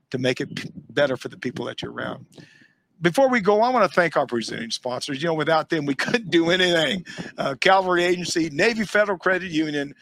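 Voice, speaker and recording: A man's voice: fairly high pitch, a bit bright, no room sound. An older American man hosting a podcast as a retired Army sergeant major, talking casually and earnestly to viewers in a folksy, emphatic way. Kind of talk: casual podcast sign-off and heartfelt address to viewers.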